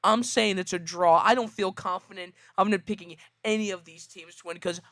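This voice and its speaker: A man's voice: sits high, fairly even intonation, a little fast, fairly bright tone. A man as a guest on a casual sports podcast, making playful, mock-dramatic football takes.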